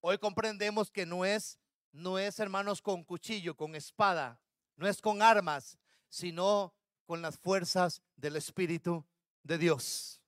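Man, pastor, sermon, very high voice, dry close sound. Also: a little slow, a bit bright, no echo. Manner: preaching, acts out dialogue of biblical figures; addresses congregation as brothers.

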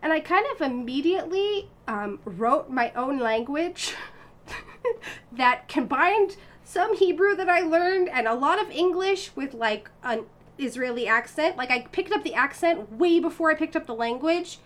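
Speaking at a measured pace in a high voice, a violinist in her thirties from the US shares her story in a casual interview. She is animated, laughs often, and fills her talk with fillers and restarts.

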